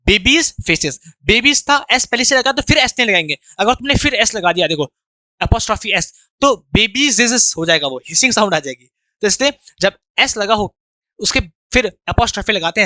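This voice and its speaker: Man, grammar teacher, high pitch, bright tone, step-by-step explanations. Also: no room sound. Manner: explains slowly, reads English sentences word by word then explains them. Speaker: English teacher. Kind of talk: exam-prep grammar lesson.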